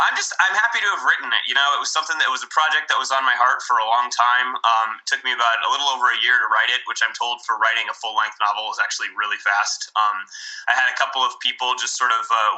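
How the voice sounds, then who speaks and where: A man chatting casually and animatedly as a podcast guest, sounding thin and tinny, as if through a tube or on a tin can phone call. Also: mid-range voice. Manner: animated, chatty, uses 'like' often. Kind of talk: casual conversational storytelling.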